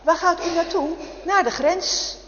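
A woman's voice: very high voice, unhurried, fairly bright tone, roomy sound, in a large hall, dull audio, voice pushed up. A woman voicing an easygoing male merchant who offers a ride. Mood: friendly. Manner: friendly, obliging.

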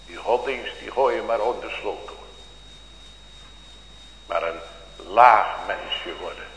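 A man preaches with a low, forceful voice, his words full of old-fashioned biblical phrasing. He speaks to his congregation in a church, and a long, roomy echo trails every line. A faint hum sits under the recording. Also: slow pace. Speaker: pastor. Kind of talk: sermon.

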